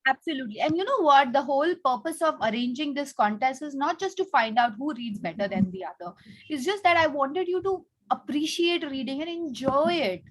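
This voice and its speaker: Over a video call, a woman with an Indian accent teaches an online class for children, speaking to them in an encouraging, instructive, interactive way. Her high voice is animated and fairly quick, and the recording is rough.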